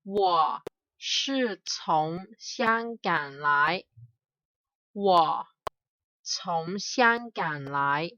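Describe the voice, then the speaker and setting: A young woman language tutor from Hong Kong, whose first language is Cantonese, gives a slow explanatory grammar lesson. She speaks very slowly and haltingly, with many filler "uh"s and careful repetition of example phrases, in a bright-toned, fairly low, expressive voice. The recording is dry, dull and slightly lo-fi, with no echo.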